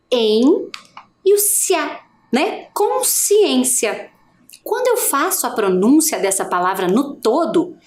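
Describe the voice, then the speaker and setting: A woman teacher giving a recorded video lesson. She asks her students questions and slowly draws out each example word. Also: sits high, a little mellow. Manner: slow, drawn-out pronunciation of example words; asks the class questions and pauses. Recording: echoey room with faint hiss.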